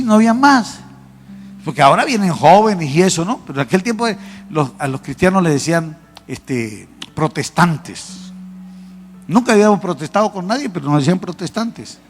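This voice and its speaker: High-voiced preacher in a big hall. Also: male voice. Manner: animated storytelling, acting out dialogue. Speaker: apostle preaching. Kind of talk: sermon testimony. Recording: long hall reverb with faint music.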